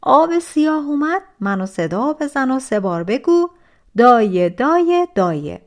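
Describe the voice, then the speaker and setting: Storybook demon, huge and demanding, put on by a woman narrator; loud, bossy delivery, voice lifted somewhat high. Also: close to an everyday voice. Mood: commanding. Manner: loud, commanding questions. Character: big hulking demon, gruff and demanding.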